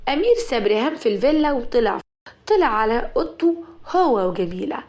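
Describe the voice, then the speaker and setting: A woman with an Egyptian accent narrating a dramatic story in a steady voice. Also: a little high, quick pace. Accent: Egyptian Arabic.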